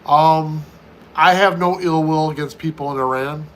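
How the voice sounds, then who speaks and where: A talkative American man in his fifties whose voice sits a little high for a man. He runs a relaxed live-stream chat and repeats his points as he answers viewers one by one. A faint hiss runs under his speech. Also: unhurried, rough recording. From United States. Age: 50s. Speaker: livestream host.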